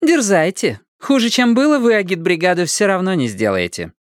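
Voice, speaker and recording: A man's voice: high-pitched, sing-song, moderate pace, no room sound, studio quality, voice pushed up. A man voicing a mocking Soviet schoolteacher woman in an audiobook reading, with a sneering, taunting manner. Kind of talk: audiobook narration.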